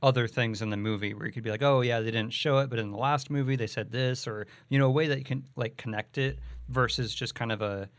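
A man's voice: medium pitch, fairly even intonation, fast talker, hardly any pauses, no room sound. A man co-hosting a podcast, chatting casually about a movie and thinking aloud with many "like"s and "you know"s. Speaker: podcast co-host.

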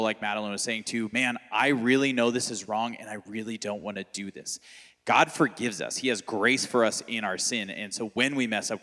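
A man in his thirties, a pastor on a question panel, explaining calmly in a soft-spoken way. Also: on the low side, long reverb tail. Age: 30s. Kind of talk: panel Q&A teaching.

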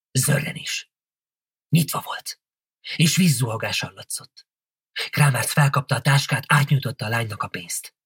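Husky male audiobook narrator. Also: mid-range voice, dry recording, clean studio sound. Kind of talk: novel read aloud.

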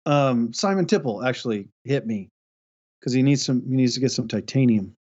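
Lo-fi recording of a higher-voiced man chatting. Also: animated, normal speed, darkish tone. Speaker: podcast co-host. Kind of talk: casual chat. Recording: slightly dull, lo-fi audio.

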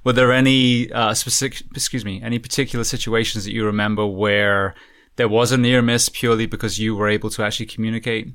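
An English man hosts the conversation and asks long, carefully built questions. He speaks with an English accent in a lowish voice. His tone stays thoughtful and conversational. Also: flat delivery, fast, fairly bright tone. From England. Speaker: podcast host. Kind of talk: casual interview.

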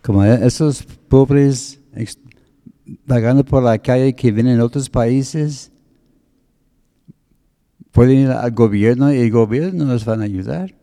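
A man preaching, taking his time as he explains words one by one. His voice is very dark and mellow, sitting at an ordinary pitch for a man. He speaks slowly and deliberately. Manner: slow, deliberate, explains word meanings. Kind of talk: sermon teaching.

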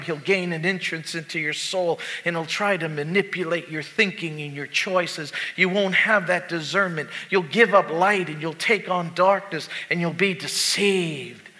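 A male pastor preaching a sermon in a church, swinging between loud exhortation and hushed lows. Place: church sanctuary. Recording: long church reverb.

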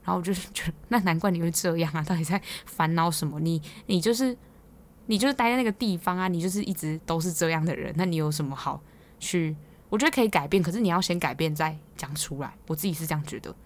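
A young woman with a Taiwanese Mandarin accent, hosting a podcast and telling stories in a chatty, teasing way, quick to laugh. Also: on the low side. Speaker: podcast host. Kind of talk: casual storytelling monologue.

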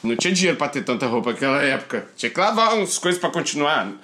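A man's voice: on the high side, big pitch swings, rapid-fire, pushed and bright, a little hiss or hum. A man around thirty, a guest telling laughing anecdotes and acting out both sides of the dialogue. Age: 30s.

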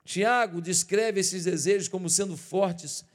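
Brazilian male pastor, higher voice, chatty sermon that acts out scenes and swells into forceful preaching. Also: unhurried. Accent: Brazilian Portuguese. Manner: lively and colloquial, acting out everyday scenes; rises to forceful emphasis.

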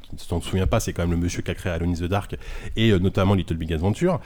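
A man's voice: deep voice, rapid-fire, darkish tone, a little hiss or hum. A man hosting a casual group podcast, rambling with restarts and fillers. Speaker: podcast host.

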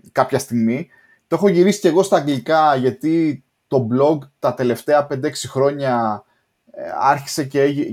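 A man's voice: medium pitch, a little mellow. A man co-hosting a casual podcast, speaking in long, reflective, self-deprecating turns. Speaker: podcast co-host. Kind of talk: casual chat.

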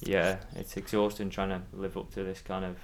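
A man's voice: low voice, completely flat delivery, normal speed, a little hiss or hum. A man in his thirties with a mild Isle of Man accent, chatting casually as an interview guest and hesitantly thinking aloud. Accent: fairly neutral Manx. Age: 30s. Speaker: podcast guest, former athlete.

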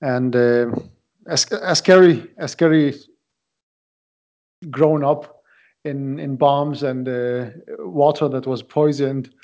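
A man in his late twenties who grew up in Iraq, speaking as a podcast guest. He talks haltingly and repeats words while he looks for the next one. His voice sits at a middle pitch and comes through dull, lo-fi audio. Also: steady tone, darkish tone. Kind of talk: casual interview talk.

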